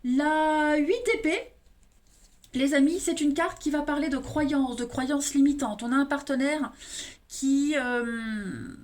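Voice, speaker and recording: A woman with an eastern French accent giving a monthly tarot card reading, talking straight to viewers and often tagging her sentences with "hein". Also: high voice. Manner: addresses viewers directly, frequent tag "hein". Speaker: tarot reader.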